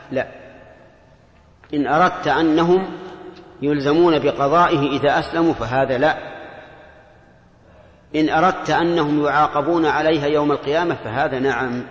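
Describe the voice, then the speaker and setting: A man's voice: a little high, highs cut off. A man giving a classroom lecture, explaining points and quizzing his students with rhetorical questions. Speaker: teacher. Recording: echoey hall with long reverb.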